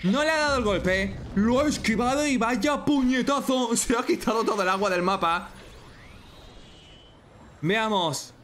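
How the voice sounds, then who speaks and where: A man with a Spain Spanish accent giving excited reaction commentary as a streamer, full of exclamations and outbursts. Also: extremely high pitch, a little slow, a little hiss or hum. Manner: excitable, frequent exclamations and shouts. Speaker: streamer reacting to a fan animation.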